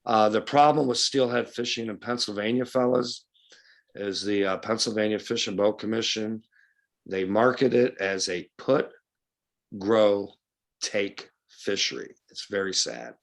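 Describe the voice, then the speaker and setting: A man's voice: lowish voice, fairly even intonation, measured pace, vocal fry. A man from western New York talking bluntly and casually as a fishing guide at a club meeting, with a folksy, opinionated way of speaking.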